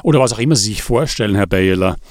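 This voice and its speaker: A man reading an audiobook, voicing a female village police officer who speaks in a measured, patient and firm way. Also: lowish voice, lively intonation, no echo, clean studio sound, pitched below the performer's own voice, natural voice.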